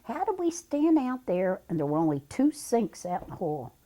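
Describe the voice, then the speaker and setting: A woman's voice: medium pitch, very animated, moderate pace, mellow. An older woman from Philadelphia, describing childhood routines in an interview in careful, matter-of-fact detail. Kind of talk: reminiscing interview.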